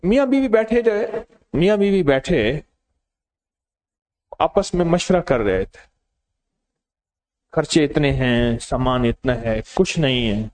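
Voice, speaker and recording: Animated man preaching with lively pitch. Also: long pauses. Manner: animated, addresses the listeners directly. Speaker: religious preacher. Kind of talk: storytelling sermon.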